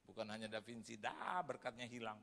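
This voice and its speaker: A male pastor tells a funny story to his congregation in a church hall, acting out the voices of the other people in it and chattily calling his listeners "saudara". His voice is medium-pitched, brisk, and gravelly. The large hall gives the recording a long reverb.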